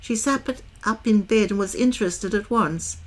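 A woman reading a children's novel aloud in a calm, measured way. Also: mid-range voice. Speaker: storyteller.

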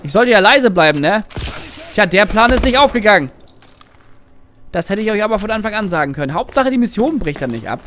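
A man giving casual gameplay commentary as a let's play gamer, excitable and swearing at the game. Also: sits high, a little fast, pauses often. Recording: noisy game sound behind. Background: game gunfire and noise.

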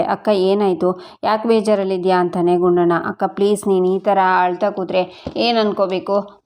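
A woman's voice: mid-range voice, a little mellow. A woman narrating a recap of a TV serial episode, reading every character's lines in her own voice followed by short speaker tags. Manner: reads all characters' dialogue in her own voice with brief tags. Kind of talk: storytelling recap, voicing each character's lines.

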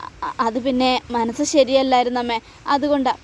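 Brief: woman voicing a tearful young woman in a serial recap, high voice, earnest. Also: fairly even intonation, brisk, natural voice. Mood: pleading. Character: heartbroken young woman torn over love.

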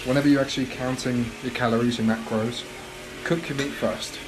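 With a pan sizzling away, a young man vlogs from his home kitchen, talking casually and explaining his cooking to a close handheld camera. He speaks a little fast at a medium pitch with fairly even intonation, and the recording is rough.

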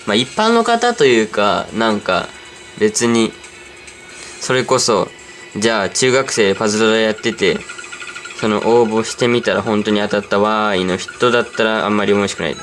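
Man, casual game commentary, drifting and chatty, lower voice, music playing underneath. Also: lively intonation, normal speed, a bit bright. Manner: rambling, easygoing, talks to himself while playing. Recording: clear background music under voice. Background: background music.

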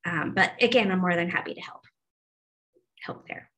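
A woman in her forties presents web development material in a staff training over a video call, picked up by a laptop mic. Her voice is on the low side and a bit bright, at a moderate pace, and the recording quality is low. She chats casually, with frequent ums and restarts.

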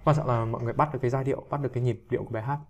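A man of ordinary middle pitch runs a relaxed singing lesson, chatting through tricky pronunciation. He talks in a loose, self-deprecating way, with frequent restarts. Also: very fast. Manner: chatty, self-deprecating, breaks into sung demonstrations. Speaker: English teacher.

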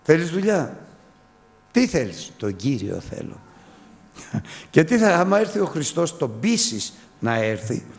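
A man's voice: fairly high pitch, sing-song, vocal fry, pauses often, in a large hall. A man preaching a fervent sermon, repeating phrases and calling his listeners brothers.

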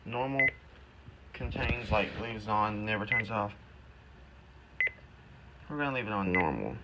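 In a cluttered room at home, a man with a lowish voice talks through a gadget demo, halting and offhand, expressively thinking aloud and muttering to himself. A handheld phone or camera is held close to the device. Loud noise, button clicks and device beeps fill this noisy home recording.

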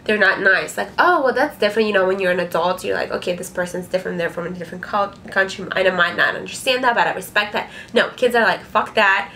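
Young woman, from ukraine, casual q&a vlog, chatty and frank, small bedroom, faint low rumble. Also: quick pace, hardly any pauses, pushed and bright. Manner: chatty, frank, full of fillers and swearing. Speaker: vlogger.

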